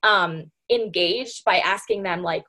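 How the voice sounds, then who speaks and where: A woman's medium-pitched voice comes across slow, pushed and bright as she gives a casual motivational talk to train her sales team. Chatty and full of "like" and "you know," she often calls her listeners "you guys."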